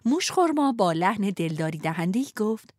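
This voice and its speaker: Expressive woman storyteller. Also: mid-range voice, no echo, clean studio sound. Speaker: narrator. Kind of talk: scripted storybook narration.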